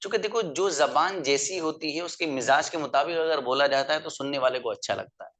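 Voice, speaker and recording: Bright-voiced male teacher drilling pronunciation. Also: a little high. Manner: patient, repeats words slowly for drilling, addresses listeners as brother. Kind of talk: online class lecture.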